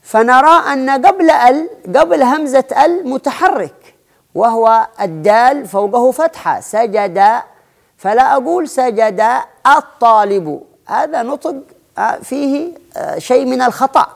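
Man slowly teaching Arabic spelling. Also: extremely high pitch, animated, vocal fry. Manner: slow, deliberate, drawn-out example words, frequent restarts. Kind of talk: explanatory lesson.

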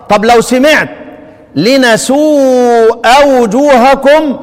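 A man with an Egyptian accent teaching Quranic readings, chanting the verses slowly and explaining quickly in colloquial speech, asking questions and answering them himself. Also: high-pitched. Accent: Egyptian Arabic. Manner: calls students "ya ahibba", asks questions and answers them himself. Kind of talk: lecture on variant Quranic readings. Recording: long reverb.

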